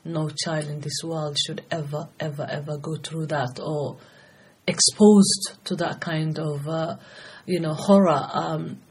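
A middle-aged woman from Somalia, an anti-FGM campaigner, testifies about her life as a podcast guest. Her deep voice is a little slow, slightly mellow and slightly rough, with fairly even intonation. She speaks earnestly, passionately and at length, restarting often.

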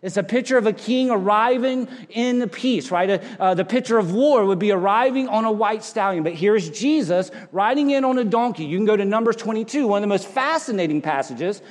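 A man with a notably high speaking voice preaches to his congregation. His words ring out through a church sanctuary with a long reverberant tail. He leans on dramatic pauses and drops suddenly to a hush. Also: lively intonation. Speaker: pastor. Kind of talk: sermon.

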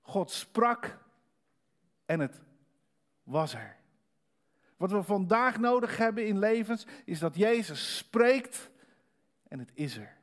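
High-voiced preaching man. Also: slow pace, pauses often. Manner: builds from calm reflection to rising, emphatic preaching. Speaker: pastor. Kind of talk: sermon.

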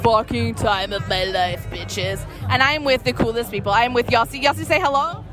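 Drunk young woman, party vlog, loud, giggly, cursing, high voice, phone mic, faint club music and crowd. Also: moderate pace. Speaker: vlogger. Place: outdoors at a night club event.

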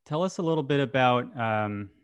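A man hosting a podcast interview, asking friendly, unhurried questions with some fillers. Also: medium pitch, animated, clean tone, no echo, highs cut off. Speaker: podcast host.

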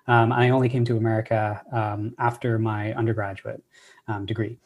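A man's voice: fairly low pitch, flat delivery, moderate pace. Chatty Irish man with many fillers. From Ireland. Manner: enthusiastic, many fillers and restarts. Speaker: assistant professor, guest. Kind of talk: casual storytelling interview.

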